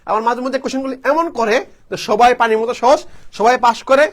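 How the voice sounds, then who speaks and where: Fast, high-voiced male tutor. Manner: repetitive call-and-response teaching, asks and answers himself. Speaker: online admission-test tutor. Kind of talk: live online class.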